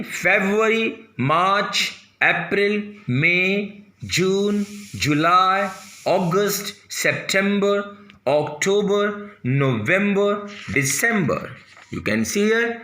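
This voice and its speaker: Bright-voiced man slowly drilling pronunciation. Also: fairly high pitch, reverberant. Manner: slow, spells words letter by letter, repeats each word. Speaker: English teacher. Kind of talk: classroom pronunciation lesson.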